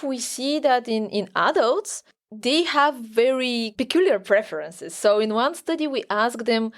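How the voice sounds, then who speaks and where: Appearing as a podcast guest, a Bulgarian academic researcher whose first language is Bulgarian talks through her research. Her voice sits at a medium pitch, and her explanation is expert but conversational.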